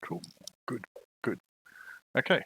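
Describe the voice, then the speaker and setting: A man's voice: takes it slowly, slight background noise, rough recording. A man narrating and ruling as game master of an online tabletop game. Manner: relaxed, describing scenes and rules.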